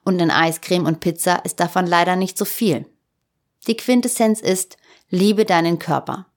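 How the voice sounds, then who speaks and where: Calm, slightly low-voiced woman narrator. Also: normal speed. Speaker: podcast host. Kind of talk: scripted narration.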